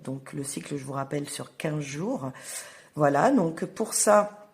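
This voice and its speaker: A young woman astrologer giving a casual tarot reading to viewers, halting and full of fillers. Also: sits low, animated, creaky. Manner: hesitant, many fillers, slow and halting.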